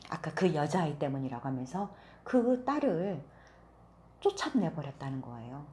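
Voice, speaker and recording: A woman storyteller reads a children's fairy tale in a gentle, conversational way and often pauses to ask her young listeners questions. Her voice sits a little low, but her pitch moves a lot and keeps the telling lively. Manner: gentle, asks listeners questions, many fillers.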